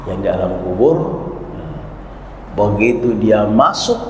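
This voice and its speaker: A man's voice: fairly low pitch, takes it slowly. Man preaching in an echoey hall. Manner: lively storytelling with acted quotes and chuckles. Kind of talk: sermon. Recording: echoey hall, dull lo-fi sound, faint noise.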